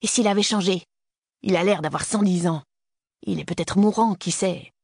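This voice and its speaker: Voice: mid-range voice, moderate pace, gravelly, breathy edge, dry recording, clean studio sound, voice pushed up. A reader voicing a young male university student in an audiobook, who argues and pleads insistently. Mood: pleading. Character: young man, restless university student son. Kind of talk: audiobook character reading.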